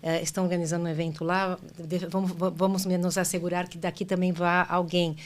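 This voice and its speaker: Low-voiced Brazilian businesswoman being interviewed. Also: flat delivery, a little fast. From Brazil, daughter of Argentine parents. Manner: thoughtful, with frequent restarts and "né?" tags. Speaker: guest, business executive. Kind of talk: conversational interview answers.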